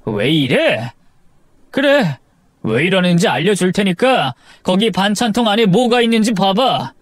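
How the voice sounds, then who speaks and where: Casting: man playing angry husband, accusing, voice climbing high in anger, dry recording. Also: very animated, a little slow, dry recording, exaggerated voice. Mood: furious. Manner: shouting, accusing, rising anger. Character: angry husband confronting his wife, furious, accusing.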